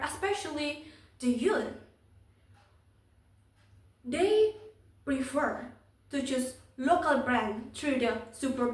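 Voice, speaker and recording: Young female speech contestant, Indonesian accent, high pitch, stiff rehearsed-by-heart delivery, echoey room. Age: young adult. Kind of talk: prepared competition speech. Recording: echoey room, distant microphone.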